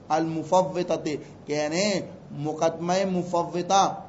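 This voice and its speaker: A man teaching a class, reading Arabic phrases slowly and explaining them in a chatty, teasing way. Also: high-pitched, a little mellow, slight background noise. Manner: chatty, teasing asides to students. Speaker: teacher of religious law. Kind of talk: lecture explaining an Arabic text. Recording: echoey, dull room recording.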